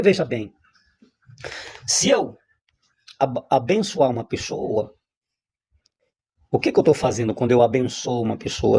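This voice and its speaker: Husky-voiced man teaching on scripture. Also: medium pitch, warm tone. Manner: repetitive, emphatic, with frequent restarts. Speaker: religious teacher. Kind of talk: spontaneous spiritual teaching monologue.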